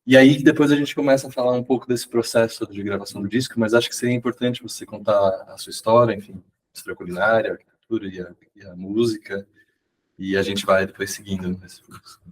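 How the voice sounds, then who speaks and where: A man's voice: fairly low pitch, steady tone, fast talker. A man moderating a public talk, handing the floor over in a loose manner with fillers. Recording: voice heard from a distance.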